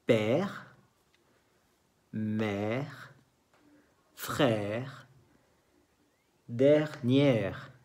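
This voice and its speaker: Slow, careful teacher. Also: medium pitch, darkish tone. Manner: slow and careful, repeats each example word. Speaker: French teacher. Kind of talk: beginner language lesson.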